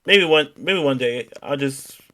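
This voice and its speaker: A man's voice: mid-range voice, a little slow, sharp tone. A young man as an interview guest, talking casually and filling his answers with "like". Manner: chatty, lots of "like" fillers. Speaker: guest streamer.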